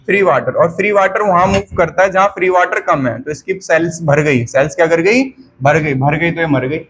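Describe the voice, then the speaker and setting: Faint background noise accompanies a classroom biology lecture by a man speaking in a raised voice. He drills the class through repeated question-and-answer exchanges and slows down for note dictation, his voice a little high and a bit bright.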